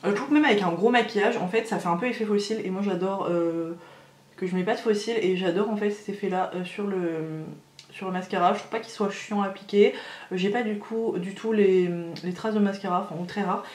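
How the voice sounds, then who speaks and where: Brisk and mid-range, with a slightly mellow quality, this beauty vlogger gushes about every product in her casual makeup tutorial. She hesitates often and uses many fillers, and the recording has a roomy feel.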